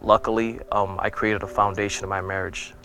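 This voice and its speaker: A man's voice: fairly low pitch, flat delivery, brisk, sharp tone. A man in his thirties from Puerto Rico, an airman telling his life story in an earnest, reflective way. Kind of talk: personal interview testimony. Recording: music playing underneath.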